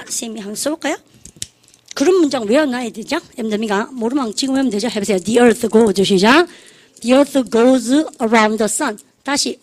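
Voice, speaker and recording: A woman teaching English vocabulary in a lively classroom lecture, drilling students with call-and-response and laughing at her own jokes. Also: fairly high pitch.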